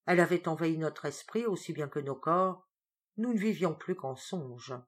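A woman with a slightly low voice reads a first-person sea tale aloud. Her delivery is theatrical and expressive, climbing sharply in pitch and volume at moments of suspense. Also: moderate pace. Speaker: storyteller.

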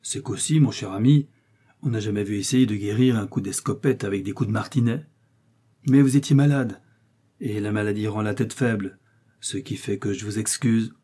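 A man's voice: fairly low pitch, fairly even intonation, normal speed, dark tone, slightly rough. A man voicing D'Artagnan, a bold, teasing young male musketeer, in a read French novel. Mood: assured.

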